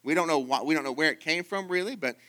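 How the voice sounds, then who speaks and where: A man preaching a sermon as pastor. He shifts from soft asides to loud emphatic peaks and tells stories with fillers and repeated words. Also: fairly high pitch, fast.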